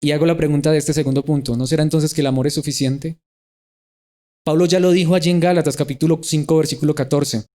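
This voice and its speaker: A man's voice: fairly high pitch, steady tone, fast, dark tone. A middle-aged man preaching a sermon in a church. He asks his listeners question after question and acts out the voices of people he quotes.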